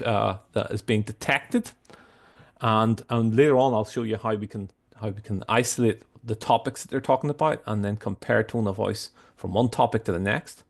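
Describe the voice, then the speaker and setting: A man presenting a screen-share tutorial, explaining things in a halting way with frequent restarts. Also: mid-range voice, creaky. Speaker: software demo presenter.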